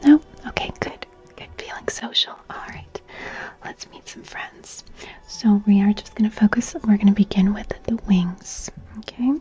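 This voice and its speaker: A young woman does an ASMR personal-attention roleplay as an art teacher, whispering soft, breathy, soothing words close to a studio microphone with a fluffy cover, gently repeating phrases. She speaks at a moderate pace with medium pitch. She is indoors in a small, bright room filled with plants, and the audio quality is poor.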